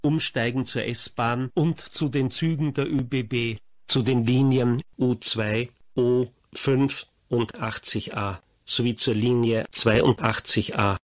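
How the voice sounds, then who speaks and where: A man reading formal, measured, scripted subway station announcements. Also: mid-range voice, steady tone, noisy background. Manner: formal, measured listing of stops and transfers.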